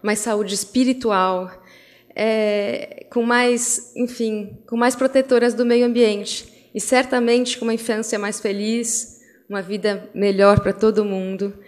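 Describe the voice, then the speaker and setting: A middle-aged Brazilian woman giving an opening speech, telling stories about her daughters with lively acted-out voices and many restarts. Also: mid-range voice, takes it slowly. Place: event hall. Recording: long hall reverb.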